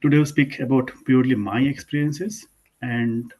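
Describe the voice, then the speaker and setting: Indian man presenting slides, halting. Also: mid-range voice, fairly even intonation, darkish tone, poor audio. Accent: Indian English. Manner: informal, with frequent fillers and self-corrections. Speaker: architect giving an online lesson. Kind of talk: presentation to school students.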